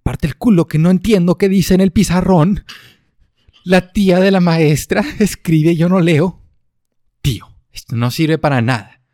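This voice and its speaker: A man's voice: mid-range voice, expressive, unhurried, a little mellow, no echo, studio quality, natural voice. A man putting on an exaggerated Spanish accent, playing a fed-up guy who can't see without glasses. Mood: whiny. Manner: exaggerated Spain-style put-on accent, calling everyone "tío". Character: man imitating a Spaniard complaining about glasses.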